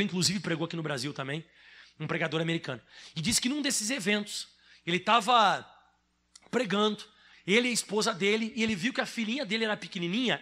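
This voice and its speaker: A Brazilian man preaching a sermon with a Brazilian Portuguese accent, swinging between shouted emphasis and quiet passages. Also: high voice. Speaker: pastor.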